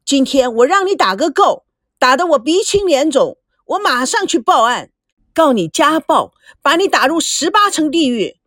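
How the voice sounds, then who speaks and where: A woman voicing a hysterical, wronged middle-aged wife and mother who wails shrill accusations, in a dry close recording. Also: big pitch swings, moderate pace, a bit bright, no echo. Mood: defiant.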